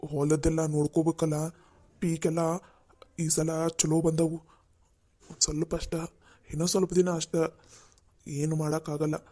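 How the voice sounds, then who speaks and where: A woman voicing an injured older village farmer in a cartoon, speaking in a slow, halting, calming way. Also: sits low. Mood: mild.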